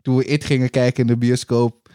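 A man's voice: medium pitch, fairly quick, clean tone, no echo, clean studio sound. A man in casual chat, joking and laughing through his stories. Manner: laughing, joking, expressive reactions.

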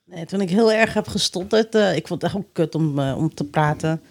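A man's voice: on the high side, brisk, creaky. A man in casual chat, reacting expressively with short interjections.

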